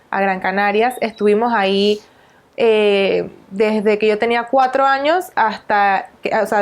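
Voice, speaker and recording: A woman in her thirties from Venezuela, a nutritionist guest in an interview, calmly recounting her life in many countries. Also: mid-range voice. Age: 30s. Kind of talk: interview storytelling.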